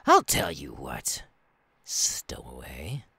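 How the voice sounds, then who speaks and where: A man playing a menacing, gleefully cruel clown pirate captain in an ASMR role-play, with a raspy, theatrical drawl that swings between hushed threats and barks. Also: extremely low pitch, wildly swooping pitch, takes it slowly, no room sound, exaggerated voice. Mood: impatient, threatening. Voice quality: raspy, gravelly.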